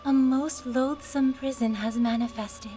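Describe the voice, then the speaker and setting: A woman's voice: high voice, steady tone, a little slow, dark tone. A woman voicing a solemn young female attendant of a mystic room, speaking in a formal, archaic, grave way. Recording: game audio with background music.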